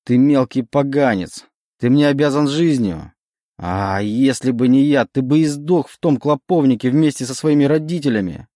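A man's voice: on the low side, normal speed, few pauses, dark tone, no room sound, studio quality, natural voice. A man voicing a possessive, manipulative male demon in an audiobook, with a faint metallic tinge. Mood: furious. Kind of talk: audiobook reading.

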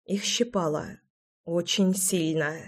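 A woman's voice: on the low side, slow. Woman narrating a fantasy audiobook. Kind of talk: scripted narration.

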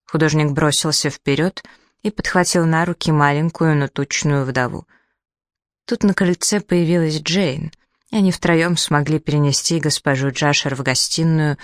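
An audiobook reader narrating a novel in a steady storytelling voice. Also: medium pitch, no echo, studio quality.

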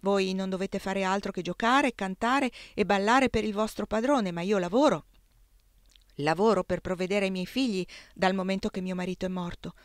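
Brisk widowed governess, resolute, dry close voice, read by a woman. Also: mid-range voice, no echo, lightly acted. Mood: firm. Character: Anna, firm widowed English governess.

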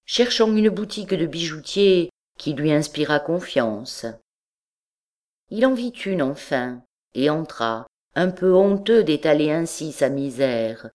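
Woman narrator, audiobook reading, slow, measured, classic tale. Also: deep voice, a little mellow. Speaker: audiobook reader. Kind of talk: scripted narration of a classic story.

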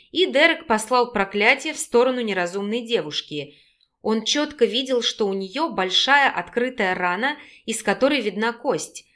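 A woman reading a novel aloud as an audiobook narrator, steady and expressive. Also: fairly high pitch. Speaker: audiobook reader.

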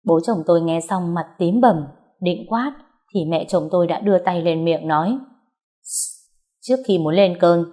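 A woman narrating a first-person story in a steady, even way. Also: fairly low pitch, normal speed.

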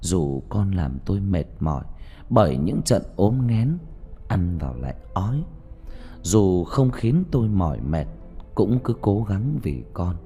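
Over a bed of soft music, a man with a low, mellow voice delivers dramatic audiobook narration of a sad first-person story. He speaks slowly and mournfully yet very animatedly, his pitch rising and falling widely.

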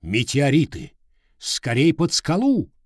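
A man voicing a calm, kindly middle-aged professor in a read-aloud storybook, speaking in a measured, reassuring way. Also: medium pitch, no room sound, studio quality, voice pushed up. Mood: urgent.

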